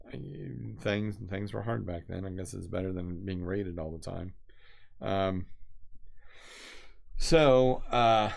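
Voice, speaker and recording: A man's voice: low voice, vocal fry. A man chatting casually while he doodles, meandering from thought to thought with lots of fillers and restarts. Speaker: designer doodling on camera. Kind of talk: casual rambling chat.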